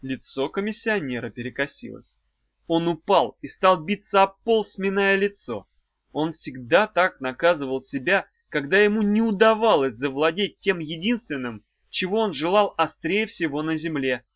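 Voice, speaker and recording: A man narrating a children's fantasy audiobook with a lively, expressive reading. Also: fairly high pitch, moderate pace, dry recording, dull audio.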